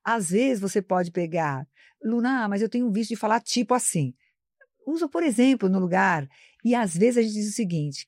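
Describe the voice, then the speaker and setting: A woman's voice: medium pitch, a little mellow, dry recording. Woman guest, professor type, didactic explainer, plain mid voice, dry studio sound. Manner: didactic, explanatory, addresses host by name. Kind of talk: live interview talk. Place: studio, live broadcast.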